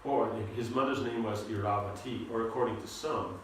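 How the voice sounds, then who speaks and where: A man teaching a seminar on scripture, talking in a halting, informal way and often repeating his words. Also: on the low side, fairly bright tone, slight background noise. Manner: halting, repeats words, asks the audience to follow. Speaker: spiritual teacher giving a seminar lecture. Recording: echoey room, recorded from a distance.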